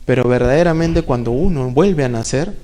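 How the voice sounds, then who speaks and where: A man's voice: medium pitch, normal speed, warm tone, a little hiss or hum. A man preaching a sermon in a church, conversational, full of rhetorical questions and playful asides.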